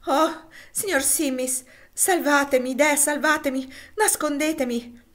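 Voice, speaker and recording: A woman reading aloud who voices a desperate young mother, pleading in a higher, louder voice. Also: steady tone, fairly quick, close to an everyday voice. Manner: breathless, pleading.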